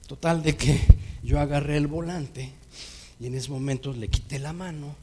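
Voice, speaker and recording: A man with a Mexican accent preaching a sermon, telling a personal story in a lively way and acting out the dialogue. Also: fairly high pitch, moderate pace, slightly rough. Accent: Mexican Spanish.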